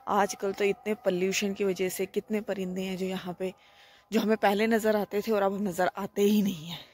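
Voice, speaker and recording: A woman's voice: mid-range voice, level tone, normal speed, a little mellow. Chatty woman vlogging on a dawn walk. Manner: chatty, reflective, talking to camera on a walk. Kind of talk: casual vlog narration. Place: outdoors at night before dawn. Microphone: phone held at arm's length.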